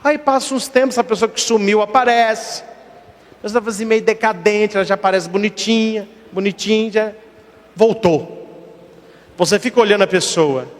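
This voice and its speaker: A priest preaching a sermon, telling stories with acted dialogue and asking the audience questions. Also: male voice, high-pitched, normal speed. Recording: long hall reverb.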